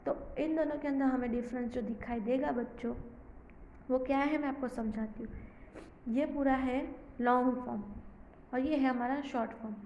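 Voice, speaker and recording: Woman teacher, Indian accent, high voice, unhurried patient explaining, echoey room, faint background hiss. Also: fairly even intonation, dull audio. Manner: slow, patient explaining, reads sentences word by word. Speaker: school teacher. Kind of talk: recorded grammar lesson for young children.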